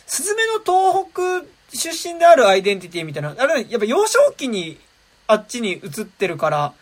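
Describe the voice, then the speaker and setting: Lively rambling man in casual chat. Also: extremely high pitch, fairly quick. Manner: rambling, many fillers and restarts; lively, laughing asides. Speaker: podcast panelist. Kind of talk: casual chat about a film.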